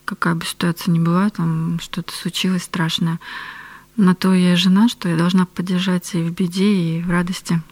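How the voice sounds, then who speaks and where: A woman guesting in a radio studio interview, speaking softly and earnestly with some hesitation. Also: lowish voice, level tone, moderate pace. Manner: soft-spoken, earnest, hesitant. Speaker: guest, pastor's wife.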